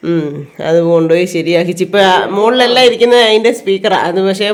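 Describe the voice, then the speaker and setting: A woman's voice: medium pitch, quick pace. A middle-aged woman from Kerala with an Idukki Malayalam accent, chatting to her viewers as she does chores around her home and yard. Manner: chatty, tags sentences with "you know". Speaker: home vlogger. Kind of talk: casual chat while doing chores.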